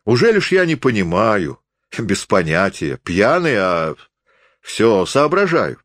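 Brief: drunk, rough old forester, played by a man, hoarse and loud, stretched slurred words. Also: on the low side, big pitch swings, measured pace, no room sound, studio quality, voice pushed up, heavily acted. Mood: drunk blustering. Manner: hoarse, slurred folksy speech.

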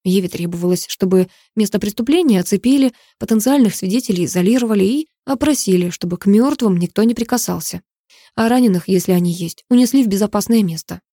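A woman reads a crime novel aloud in a steady, dramatic storytelling manner. Her voice is mellow and warm. The recording is close and dry, with no room sound. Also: medium pitch, fast talker, slightly rough, dry recording. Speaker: audiobook narrator. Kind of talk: scripted narration.

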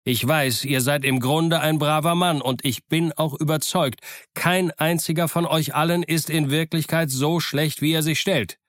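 A man's voice: on the high side, steady tone, moderate pace, few pauses, fairly bright tone, no room sound, studio quality, pitched above the performer's own voice, natural voice. A man voicing a stern, commanding male ship captain who calls out emphatically in an audiobook. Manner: raised, emphatic calling out. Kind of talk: audiobook character voice.

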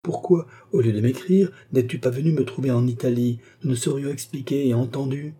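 A man's voice: mid-range voice, fairly quick, dark tone, slightly rough, natural voice. A man reading an audiobook, voicing a frail, stubborn and emotional old marquis in a raised voice. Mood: moved. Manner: insistent, emotional.

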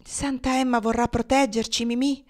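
A playful young man in love, full of quick, bright comebacks, as a woman reading a novel voices him. His lines sit high and lively. The voice stays close to an ordinary reading voice. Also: close to an everyday voice. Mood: earnest.

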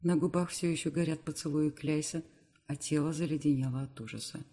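A man's voice: on the high side, fairly even intonation, a little fast, dark tone. Man reading a first-person novel aloud. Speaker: audiobook reader. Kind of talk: scripted first-person narration.

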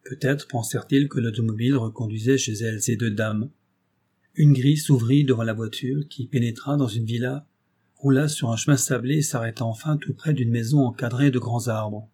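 A male audiobook narrator with a dark, mellow voice. He reads in a measured, expressive way, and his tone has a husky edge. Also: medium pitch. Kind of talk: scripted narration.

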